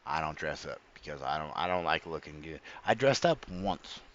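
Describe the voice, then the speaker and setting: A man's voice: very deep voice, animated, moderate pace, fairly bright tone, muffled recording, slight background noise. A man giving casual, rambling reaction commentary, often stopping to correct himself and swearing freely. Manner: rambling, self-correcting, profane. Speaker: streamer reacting to clips.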